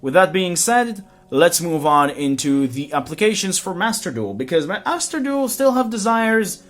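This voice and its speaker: A young man with a slightly high voice talks through a card game deck in a loose, casual way. He rambles, fills gaps with "like" and "uh", and his voice jumps up at the start of new points. Soft music plays faintly behind him. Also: big pitch swings, normal speed. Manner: rambling, with frequent "like" and "uh" fillers; jumps in pitch and loudness at phrase starts. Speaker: card game content creator. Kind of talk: casual explanatory walkthrough.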